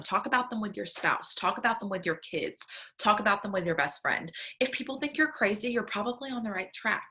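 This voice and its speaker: A woman in her thirties coaches her team with tough love, earnest and direct, leaning on "um" and "right?". Her voice is bright and forceful, sitting a little low for a woman. She talks into her computer's webcam at home. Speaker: direct sales team leader. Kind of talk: motivational talk to camera.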